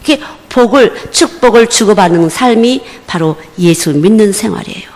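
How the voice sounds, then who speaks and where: A woman's voice: mid-range voice, expressive, moderate pace, a little mellow. A woman missionary preaching a sermon at a church service, with emphatic, repeated short phrases. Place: church during a Wednesday service. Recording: reverberant church hall.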